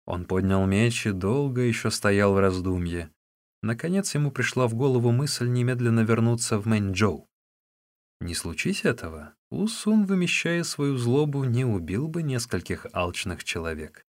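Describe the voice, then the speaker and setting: A man narrating an audiobook of a classic novel in a measured storytelling manner. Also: medium pitch, lively intonation.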